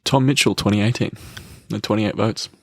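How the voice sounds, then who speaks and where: Aussie guy cracking jokes and swearing on a podcast, lowish voice, dry close sound. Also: fairly even intonation, moderate pace, gravelly, a bit bright, slightly rough, no room sound. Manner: joking, swears freely, self-mocking. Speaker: podcast co-host. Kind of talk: casual chat.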